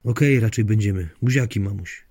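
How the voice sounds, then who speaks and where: A man's voice: lowish voice, brisk, a little mellow, breathy edge, no room sound. A man voicing a busy adult daughter in an audiobook story, talking curtly to her mother.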